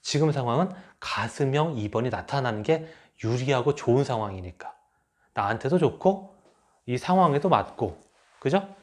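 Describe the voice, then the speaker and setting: Lively male lecturer acting out examples. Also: mid-range voice, moderate pace. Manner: lively, acts out quoted remarks. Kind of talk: enneagram lecture.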